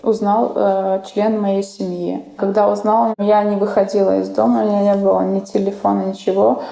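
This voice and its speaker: Woman, 20s, very dark tone, fry, echoey room. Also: mid-range voice, flat delivery, moderate pace. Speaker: interviewee. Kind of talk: testimony interview.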